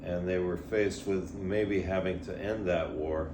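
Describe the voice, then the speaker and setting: A man's voice: low-pitched, fairly even intonation, measured pace. An older man reminiscing in a rambling, hesitant way, often trailing off as he tells his story in casual talk. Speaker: storyteller guest. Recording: echoey room, audible background noise.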